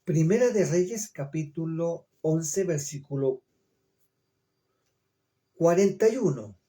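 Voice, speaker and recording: A man giving a verse-by-verse Bible study, reading Hebrew names slowly and explaining them in Spanish, repeating words and checking in with his listeners. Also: a little high, lively intonation, mellow. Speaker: Bible teacher.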